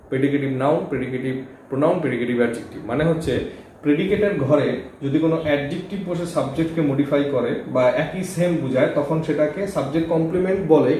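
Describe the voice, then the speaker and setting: A man with a warm, somewhat high voice teaches English grammar in Bengali at the board, walking through it step by step and frequently asking his students "okay?". The recording has heavy room echo and a faint background hum.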